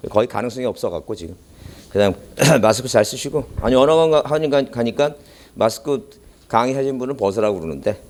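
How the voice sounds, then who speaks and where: A man's voice: medium pitch, a little mellow. A man giving an exam-prep lecture in an academy classroom, his voice muffled by a face mask, rambling in asides and then quizzing the class with rhetorical questions. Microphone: speaker mic worn behind a face mask.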